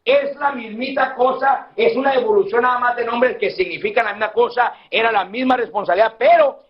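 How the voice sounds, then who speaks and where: A man's voice: very high voice, fairly quick, slightly rough. A man pastor preaching a sermon, calling his listeners "brother" over and over and asking them questions he answers himself. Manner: addresses listeners as "hermano" again and again; acts out quoted church members in a whining voice. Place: church. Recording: dull lo-fi recording.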